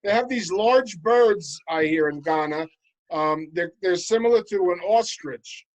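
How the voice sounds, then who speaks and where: Deadpan high-voiced male comedian. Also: a little slow, rough recording. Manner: deadpan, sets up punchlines. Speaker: comedian co-host. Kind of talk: casual chat, deadpan jokes.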